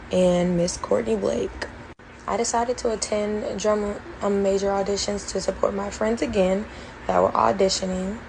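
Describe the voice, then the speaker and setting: A young woman tells her story straight to camera in a personal vlog, speaking earnestly and in detail. Her mid-range voice carries a steady creaky fry. She leans on fillers as she works through each step. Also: mid-range voice, slight background noise, low-quality recording. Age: young adult. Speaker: former college band member telling her story.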